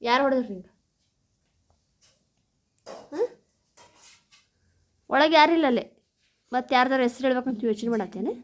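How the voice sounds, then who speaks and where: A woman's voice: sits high, lively intonation, normal speed, pauses often. A woman with a North Karnataka Kannada accent, chatting at home in a casual vlog and coaxing small children with teasing questions. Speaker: vlogger and mother.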